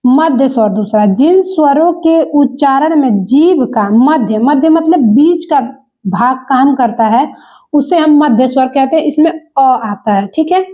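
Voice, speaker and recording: A woman's voice: sits high, animated, unhurried, highs cut off. A woman teaching an exam-prep lesson, repeating each point and calling the viewers friends.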